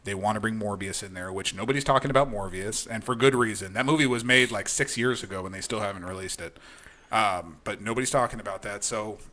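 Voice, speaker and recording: A man's voice: fairly low pitch, quick pace, sharp tone. A man co-hosting a podcast, giving frank, opinionated takes in casual chat with lots of restarts. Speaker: podcast co-host.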